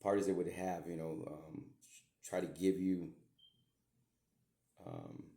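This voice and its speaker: A man's voice: sits low, big pitch swings, takes it slowly, creaky, mellow. A middle-aged man and podcast host, talking to his daughter in a meandering, repetitive way with some mild swearing. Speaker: podcast host, self-described medium. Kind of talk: rambling spoken message to his daughter. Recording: echoey room.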